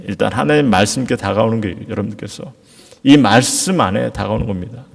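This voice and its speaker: A man's voice: fairly low pitch, brisk, creaky. A middle-aged man preaching a sermon as a pastor, earnestly asking rhetorical questions of his congregation. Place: church sanctuary. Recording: long hall reverb.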